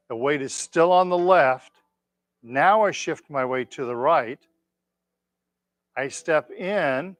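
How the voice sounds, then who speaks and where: A man teaching a tai chi class, giving gentle, unhurried step-by-step cues with encouragement. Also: on the high side, no room sound. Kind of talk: instructing a class through movements, step by step.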